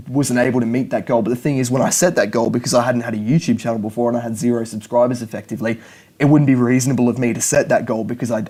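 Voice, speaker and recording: A young native English speaker gives a casual video lesson about language learning, frequently repeating and restarting words as he talks. His voice is medium in pitch with a darkish tone.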